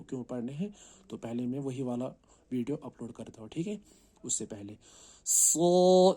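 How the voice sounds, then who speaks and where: Man teaching recitation, warm and even, paces through each letter with check-ins. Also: mid-range voice. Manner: explains slowly, then calls out each letter long and loud; often checks in with "right?". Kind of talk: teaching Arabic letter pronunciation.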